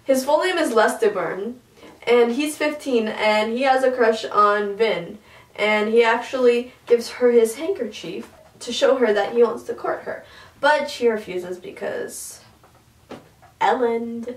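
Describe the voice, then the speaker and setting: A young woman giving a casual, chatty book talk, excitable with quick asides. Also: fairly high pitch. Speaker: book reviewer. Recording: roomy, from a distance.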